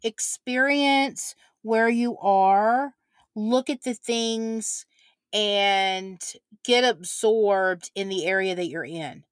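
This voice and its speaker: A woman co-hosting a casual chat, speaking in slow, deliberate, measured phrases. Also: mid-range voice, no room sound. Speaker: podcast co-host.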